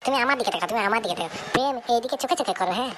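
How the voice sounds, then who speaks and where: A playful young village girlfriend, voiced by a woman, teases and coaxes in a high, bouncy voice. She talks quickly in this comic cartoon skit. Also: expressive, background noise, natural voice. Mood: bossy. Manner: teasing, coaxing.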